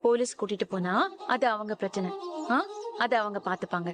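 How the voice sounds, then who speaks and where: A woman playing a gently soothing mother. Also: medium pitch, steady tone, a little fast, crowd noise, lightly acted. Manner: soothing, coaxing. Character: loving mother comforting her crying child. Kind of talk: TV serial acting.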